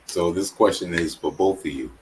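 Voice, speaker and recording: Very deep-voiced calm interviewer. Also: male voice, moderate pace, a little hiss or hum, poor audio. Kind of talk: casual interview questions.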